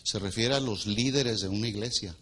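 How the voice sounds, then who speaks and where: Bright-voiced pastor preaching. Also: male voice, lowish voice, moderate pace, slightly rough. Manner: teaching, asks the congregation questions and waits for answers; wide swings from loud emphatic lines to quiet asides. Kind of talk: sermon. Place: church hall before a congregation.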